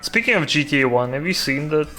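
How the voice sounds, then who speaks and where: Russian-accented guy streaming a game, offhand cussing, slightly high voice, game music faint. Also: expressive, fast, sharp tone. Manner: swearing offhand remarks. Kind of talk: casual gameplay commentary.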